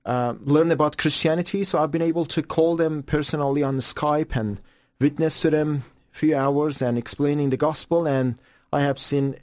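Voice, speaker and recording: A man's voice: fairly high pitch, fairly even intonation, moderate pace, darkish tone, no room sound. Man, earnest testimony, dry close mic. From Iran. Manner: earnest, fervent storytelling with stammered restarts. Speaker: guest evangelist. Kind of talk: testimony in an interview.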